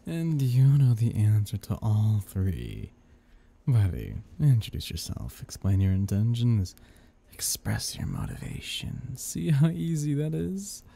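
A man's voice: on the low side, big pitch swings, measured pace, creaky, mellow, slightly rough, heavily acted. A man playing a sly, coaxing male devil who schemes with playful menace in an ASMR audio role-play. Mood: persuasive.

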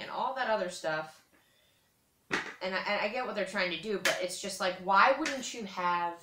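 A young adult woman with a mid-range voice rambles casually as she cuts soap, thinking aloud and repeating herself in conversational vlog fashion. A camera a metre or two away picks her up in a small, echoey carpeted room with bare walls, with background noise present.

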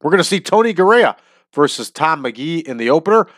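With big pitch swings and a fairly quick pace, this man's higher, fairly bright voice carries upbeat commentary for his wrestling simulation series, addressed to "everybody." A sinus infection makes him stuffy and nasal, and the recording is dry and studio quality.

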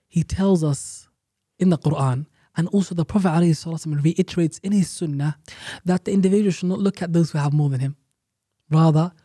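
A man's voice: a little high, mellow, husky, dry recording, clean studio sound. A man, an Islamic teacher and podcast guest, earnestly explaining Quran verses and repeating key phrases for emphasis.

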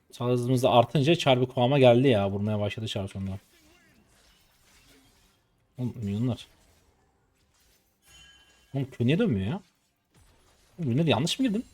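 A man's voice: medium pitch, animated, moderate pace, long pauses, darkish tone, faint music behind. A man in his twenties from Turkey, streaming his gameplay live and commenting in frustrated mutters and sudden outbursts. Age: 20s. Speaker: game streamer.

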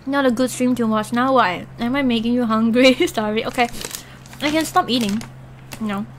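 A woman's voice: on the high side, moderate pace, slight background noise. A young woman, chatting casually with her viewers while she eats. She rambles and giggles, leaning on "like" constantly. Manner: rambling and giggly, heavy use of "like". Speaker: Twitch streamer.

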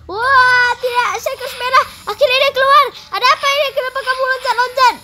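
A performer voicing an excitable young game character in a role-play, crying out in frantic panic. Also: very high voice, a little fast, heavy background noise. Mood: panicky.

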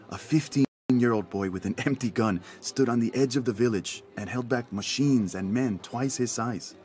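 A middle-aged man voices an anxious, grateful working-class village father in a video game cutscene, speaking haltingly and earnestly. His voice sits low, is a little mellow, and stays close to everyday speech.

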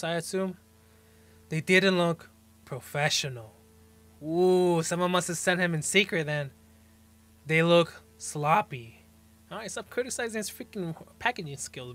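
A man in his twenties records casual reaction commentary in a small bedroom, headphones on and a desk mic up close, reading captions and tossing in slangy exclamations. His voice is fairly high and a bit bright.

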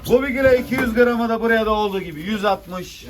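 High-pitched male fish auctioneer, distant noisy recording. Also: fast talker. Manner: chanting rising bids, familiar with buyers. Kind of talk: auctioneer calling out bids to a crowd. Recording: distant noisy mic with clicks, birds.

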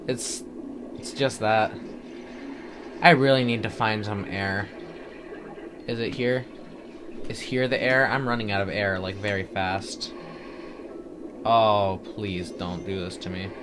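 With faint game music behind him and a noisy background overall, a man voices casual let's-play commentary as a gaming commentator. His voice is on the low side, and he's self-deprecating, groaning and pleading at the video game as he plays.

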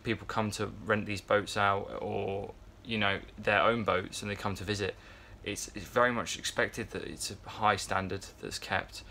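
Inside a yacht crew room, near a fan, a man in his twenties talks casually to a phone camera at arm's length, rambling with many fillers and restarts. His fairly low voice keeps a steady, sharp tone at a moderate pace with hardly any pauses. Slight background noise is present.

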